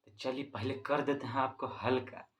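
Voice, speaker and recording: A man's voice: mid-range voice, fairly even intonation, normal speed, a bit bright. A man teacher with a Bihari accent tells his class a joke in a playful, casual way and keeps breaking into laughter. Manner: speaks to students directly.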